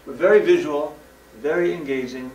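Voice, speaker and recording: A man from the West Coast of the United States giving a lively, joking stage presentation in plain, simple English. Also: on the high side, a little fast, lo-fi sound, slight background noise. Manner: lively, jokey, simple English for a Japanese audience. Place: large hall, recorded from afar. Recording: echoey hall, far from the mic.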